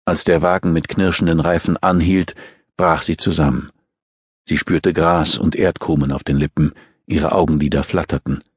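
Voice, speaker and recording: Deep husky audiobook narrator. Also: male voice, steady tone, no echo, studio quality. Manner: measured, tense storytelling. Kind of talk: scripted thriller narration.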